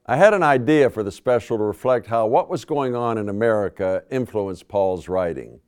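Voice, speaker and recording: An older man recounting a personal story at a public forum, in a measured, dry manner. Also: lowish voice, expressive, a little mellow, clean tone.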